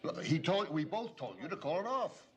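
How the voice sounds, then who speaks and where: An actor playing an older man, a domineering father who scolds his son in a brisk, commanding way. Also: high-pitched, sing-song.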